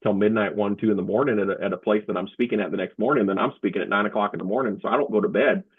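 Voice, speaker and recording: Gravelly man on a tinny line. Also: lowish voice. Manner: halting, with frequent restarts and fillers. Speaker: guest, comedian and motivational speaker. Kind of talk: casual interview storytelling. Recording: tinny phone-like remote line.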